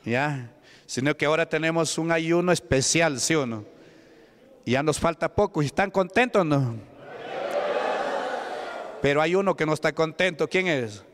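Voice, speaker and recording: Peruvian pastor preaching in an echoing hall. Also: male voice, fairly high pitch, moderate pace, long pauses, a bit bright. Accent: Peruvian Spanish. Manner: questioning the congregation, call-and-response. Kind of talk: Pentecostal sermon. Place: church hall. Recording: church hall reverb.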